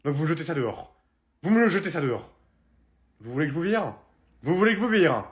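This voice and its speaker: A man's voice: a little high, very animated, quick pace. A man playing a rude, irritable librarian who gives curt, bossy orders.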